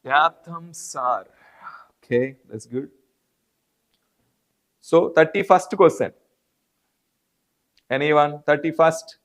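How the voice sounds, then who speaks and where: A man's voice: fairly high pitch, slow, pauses often. A man with an Indian English accent teaching a live online biology class, repeating answers and calling on students by name. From South India. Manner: repetitive, addresses students by name.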